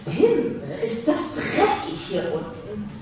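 An actress playing an unflappable, sharp-tongued middle-aged wife in a live comic sketch reading on a theater stage, talking in a dry, mocking and bossy way. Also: female voice, medium pitch, wildly swooping pitch, slow pace, faint music behind. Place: theater stage before an audience. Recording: echoey live theater recording from a distance.

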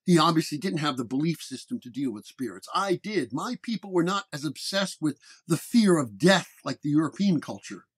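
Playing a worn-out, injured detective from the 1930s, an actor tells his case report as dramatic first-person narration in a weary, reflective mood. His fairly high voice is expressive and slightly rough, at a moderate pace with hardly any pauses.

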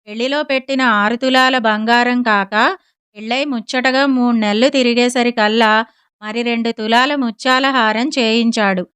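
A woman's voice: on the high side, fairly bright tone, clean tone, close to an everyday voice. Woman reading a quarrelsome young wife. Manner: rapid nonstop scolding. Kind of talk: audiobook storytelling.

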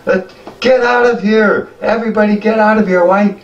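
Man doing a shrill panicked old goblin. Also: fairly even intonation, moderate pace, dull audio, close to an everyday voice. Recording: echoey room, far from mic.

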